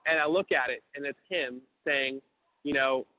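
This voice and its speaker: A man's voice: mid-range voice, moderate pace. A young man telling a long story over a prison phone call, cursing freely and stumbling over restarts. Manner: profane, stammering restarts, acts out quoted voices. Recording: tinny prison phone line.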